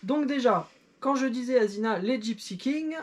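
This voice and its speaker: A woman's voice: a little high, lively intonation, moderate pace. A middle-aged woman in casual chat, reviewing an old record with her child in a playful, self-mocking way with many fillers. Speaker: YouTuber and parent.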